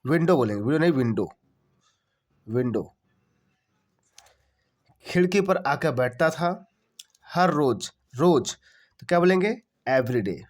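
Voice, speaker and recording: Very animated at a moderate pace, a man with a fairly high voice teaches English translation. He questions himself and supplies the answers, spells words out one letter at a time and repeats each phrase.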